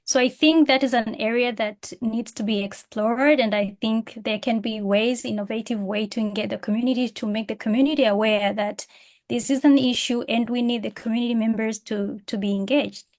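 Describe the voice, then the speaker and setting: A woman's voice: a little high, steady tone, moderate pace, darkish tone. A woman from Tanzania sharing a story on an online roundtable, hesitant, with many fillers and restarts. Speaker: participant. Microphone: video call.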